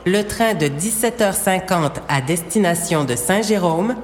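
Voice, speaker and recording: Lady doing airport announcements, formal and measured, lowish voice, big echoey hall. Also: expressive, faint music behind. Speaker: announcer in a French listening exercise. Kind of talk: scripted public-address announcements, like at an airport or train station. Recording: long hall reverb, faint background noise.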